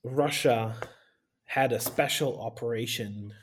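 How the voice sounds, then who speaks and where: A man, speaking earnestly and haltingly as an interview guest, with sighs. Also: mid-range voice, slight background noise. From Romania. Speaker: guest, aid volunteer and former pastor. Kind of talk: casual interview talk.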